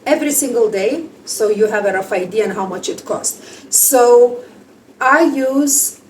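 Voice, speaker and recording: Woman, forties, lithuanian accent, higher voice, chatty vlog, mic a little far off with faint background hum. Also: measured pace. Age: 40s. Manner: chatty, plain-spoken, slightly broken English. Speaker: vlogger. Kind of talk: casual vlog chat.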